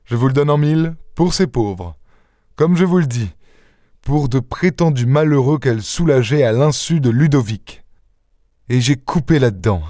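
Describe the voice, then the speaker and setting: A man voicing a proud, quick-tempered young gentleman burglar in an audiobook, speaking in a scornful, theatrical way. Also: mid-range voice, no room sound, clean studio sound, natural voice. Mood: amused. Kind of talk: audiobook character reading.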